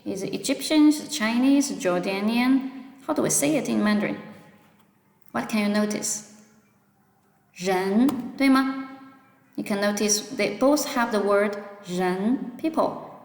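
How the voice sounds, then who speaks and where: A woman teaches beginners at an unhurried pace, repeating each new word so her students can follow along. Her voice rings out in an echoey room with a long reverb tail. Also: mid-range voice, a little mellow. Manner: slow, patient, repeats words for practice. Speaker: Mandarin teacher. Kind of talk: online language lesson.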